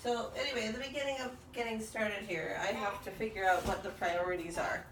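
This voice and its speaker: A woman's voice: mid-range voice, steady tone, a little hiss or hum. A woman in her thirties, slightly out of breath, rambling in a casual chat while she cleans her kitchen. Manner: unhurried, meandering, many ums. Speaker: vlogger. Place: home kitchen. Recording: roomy, far from the mic, loud kitchen clatter. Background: clattering dishes and cutlery.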